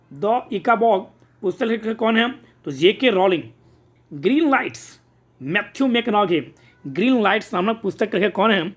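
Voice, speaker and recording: A man teaching an exam-prep lesson, posing quiz questions and repeating the answers to drill them. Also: high-pitched.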